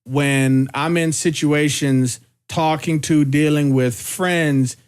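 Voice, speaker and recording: A man hosting a casual podcast chat, talking in a reflective, measured way and choosing his words carefully. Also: on the high side, fairly even intonation, clear, resonant tone. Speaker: podcast host.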